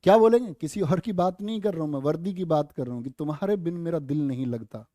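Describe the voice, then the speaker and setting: A young male teacher running a Hindi exam-prep class with a high, soft-edged voice. He quizzes his students constantly, stretches out syllables to drill pronunciation, and slips in friendly jokes. The recording is close and dry. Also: no room sound. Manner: quizzing students with rhetorical questions, friendly jokey asides; drawn-out, careful pronunciation drills. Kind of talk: online exam-prep lesson.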